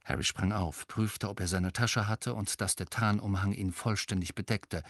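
A man narrating an audiobook in a steady, even storytelling manner. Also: on the low side, moderate pace, no echo, studio quality. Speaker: audiobook reader. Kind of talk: scripted narration.

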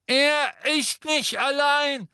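A man voicing a frightened but defiant teenage boy wizard in an audiobook, shouting desperately. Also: very high voice, fairly even intonation, slow pace, no echo, studio quality, pitched above the performer's own voice, heavily acted. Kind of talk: audiobook character voice.

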